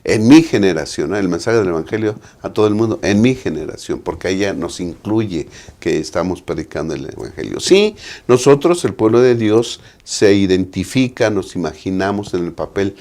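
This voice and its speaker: Low-voiced Mexican pastor, preacherly. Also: male voice, animated, normal speed, a little mellow. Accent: Mexican Spanish. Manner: preacherly, often adds tag questions. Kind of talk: Sabbath school lesson discussion.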